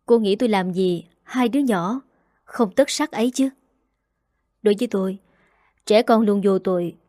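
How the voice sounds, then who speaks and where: A woman's voice: medium pitch, moderate pace, warm tone, dry recording, studio quality, close to an everyday voice. A woman voicing a jealous, determined young female rival in a storybook reading, speaking firmly and coldly. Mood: cool.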